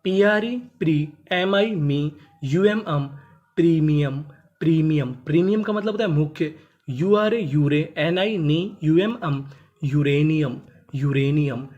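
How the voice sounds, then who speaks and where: Teacher voice for a phonics lesson, measured and repetitive, spells words letter by letter. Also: mid-range voice, a little mellow, highs cut off. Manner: repetitive, drawn-out teaching cadence. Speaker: English teacher.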